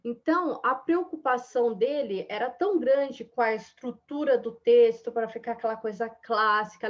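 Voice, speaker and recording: Lady teacher, kinda high voice, keeps going "tá?" "né?", dull lo-fi audio. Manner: chatty, many fillers like "tá" and "né". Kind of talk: explaining a lesson casually. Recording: dull lo-fi sound.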